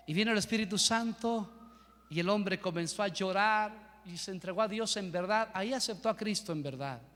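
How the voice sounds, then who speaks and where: A man's voice: sits high, moderate pace, a bit bright. A man preaching a sermon as pastor, telling a story and then pressing his point with fervor. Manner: storytelling, rising to fervent preaching. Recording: reverberant church hall with music.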